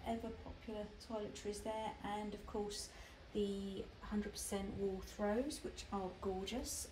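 A woman showing customers around her small shop, chatty and relaxed with plenty of ums. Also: mid-range voice. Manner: chatty and relaxed, many fillers like um and uh. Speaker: shop owner giving a tour. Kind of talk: casual walk-through shop tour. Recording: echoey shop room with clear background noise.

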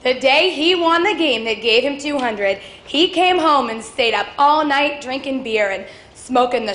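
A woman's voice: high voice, fairly bright tone. A woman performing a stage monologue as a long-suffering baseball player's wife, talking in a wistful, confiding way. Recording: echoey auditorium, faint ambience.

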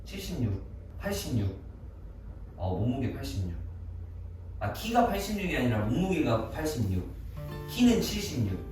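A man's voice: medium pitch, sing-song, normal speed, long pauses, darkish tone, heavy reverb, recorded from a distance, faint music behind, rough recording. A young man in a comedy skit, talking in a flustered, pleading way with lots of stammering.

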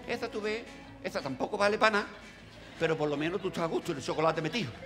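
A man telling a comic story in a stand-up monologue, acting out the dialogue quickly. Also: high voice, expressive, over music. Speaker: stand-up comedian.

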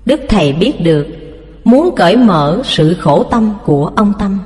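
Expressive woman storyteller, lively pitch. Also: a little slow, long reverb tail. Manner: expressive storytelling, voices the characters. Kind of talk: scripted narration.

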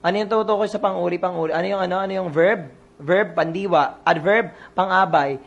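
A coach leads an online exam review. The voice has a gravelly, fry-edged texture at a middle pitch. The coach quizzes the listeners and repeats each answer. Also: fairly quick, dull audio.

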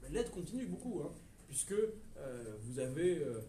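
A man with a French accent giving a history lecture to a live audience, lively and digressive, with hesitations and asides to the listeners. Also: a little high, moderate pace, a little hiss or hum. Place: lecture room at a university research center. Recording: echoey lecture room from far off, faint ambience.

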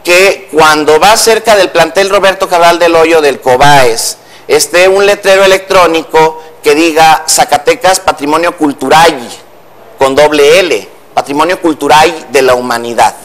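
A man's voice: fairly high pitch, normal speed, a bit bright. A man from Mexico, a language commentator on a TV news show, patiently explaining spelling rules step by step in a studio.

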